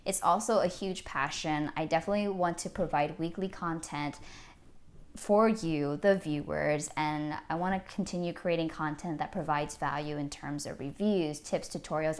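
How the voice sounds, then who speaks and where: A woman videographer giving an upbeat, chatty product review in a vlog. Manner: upbeat and chatty, with lively jumps in pitch. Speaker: videographer reviewing camera gear.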